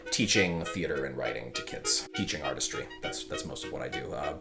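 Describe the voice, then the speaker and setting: A man in his twenties chatting casually in an interview, animated and stumbling over restarts. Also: a bass voice, a little fast, creaky, over loud music.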